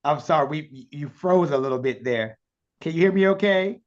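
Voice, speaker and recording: A man's voice: fairly high pitch, lively intonation, moderate pace, muffled recording. A man with a Southern accent hosting a virtual interview, chatty and effusive, heard over a video call. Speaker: interview host.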